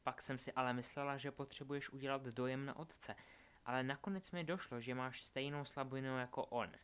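A man's voice: medium pitch, fairly even intonation, a bit bright, clear, resonant tone, lightly acted. A man voicing a cruel, scheming young witch who taunts and threatens. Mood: menacing. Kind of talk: audiobook character voice.

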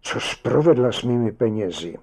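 A man's voice: on the low side, warm tone. A man voicing a guilt-ridden middle-aged husband who turns agitated and outraged, in an audiobook reading.

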